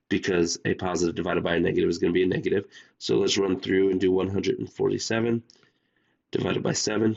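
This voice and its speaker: A man with a low, gravelly voice walks students through math problems step by step, sounding under the weather. The recording is dull and lo-fi, like a homemade lesson video. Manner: steady step-by-step explaining, talks to students directly. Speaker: math teacher.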